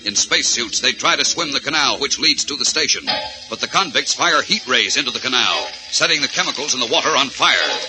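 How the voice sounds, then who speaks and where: A man's voice: mid-range voice, animated, brisk, music in the background, poor audio. An American man announcing and narrating an adventure serial in the urgent, theatrical, emphatic manner of an old radio announcer. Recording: old radio broadcast recording.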